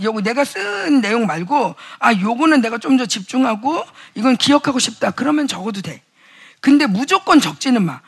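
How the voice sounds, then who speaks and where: A middle-aged pastor's wife preaches a casual, chatty sermon to young adults at a youth revival, acting out quoted voices, muttering asides, and building to fervent exhortation. Her voice sits high and sounds creaky and slightly rough.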